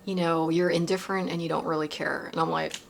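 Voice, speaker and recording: Woman with a gravelly, creaky voice. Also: low-pitched, flat delivery, fast. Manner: rambling, with frequent fillers and tag questions. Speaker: vlogger recounting a personal experience. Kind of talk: casual confessional monologue.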